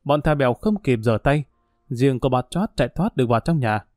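A man narrating a crime audiobook in a steady, dramatic way. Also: mid-range voice, brisk, dry recording, clean studio sound.

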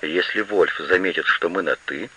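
A man's voice: low-pitched, normal speed, pushed and bright, slightly rough, exaggerated voice. A man reading a grumpy, bossy old woman. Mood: grumbling. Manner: scolding, imperious. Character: grumpy, fussy older woman, a mother-in-law. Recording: muffled lo-fi radio recording.

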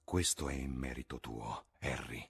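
An earnest painter speaks low and subdued, as a male reader does the part. His voice is deep and husky and sits near the reader's own. He pleads with quiet devotion. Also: expressive, moderate pace. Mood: pleading.

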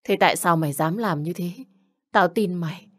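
A woman puts on a jealous young husband in an audio story, coarse and bullying as he hurls accusations. The voice sits fairly low for a woman. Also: normal speed. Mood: furious. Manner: shouting insults, coarse and bullying.

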